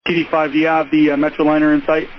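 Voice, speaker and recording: Working as an air traffic tower controller, a man gives clipped procedural instructions over aviation radio. His voice is on the high side, completely flat, and racing. The recording is muffled, lo-fi radio with faint noise.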